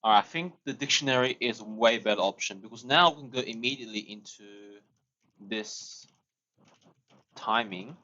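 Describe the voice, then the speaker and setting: A young man chats casually while coding on a live stream, thinking aloud, restarting phrases and chuckling often. His medium-pitched voice has a sharp tone at normal speed, and the sound is lo-fi.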